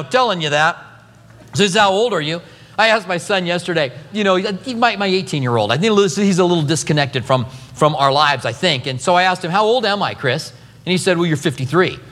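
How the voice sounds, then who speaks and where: A man in his fifties preaching a conversational sermon, acting out the quotes he tells. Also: a little high. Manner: animated, conversational, acts out quotes. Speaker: pastor. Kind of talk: expository sermon. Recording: long hall reverb.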